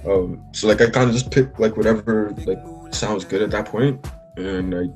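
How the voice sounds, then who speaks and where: A young adult man from the Bahamas, a musician appearing as an interview guest, talks casually in a darkish voice on the low side at normal speed. He rambles with lots of "likes" and restarts, and faint music plays behind him.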